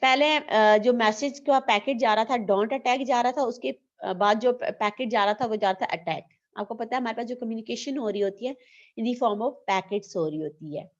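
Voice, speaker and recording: A woman's voice: a little high, moderate pace, dull audio. A woman teaching an online class, explaining step by step and asking questions she then answers herself. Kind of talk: online lecture.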